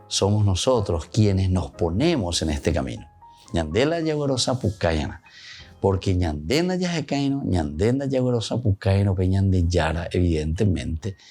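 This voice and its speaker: A man's voice: deep voice, darkish tone, breathy edge. A male priest with a Paraguayan Spanish accent giving a reflective homily, moving back and forth between Spanish and Guaraní and repeating his points.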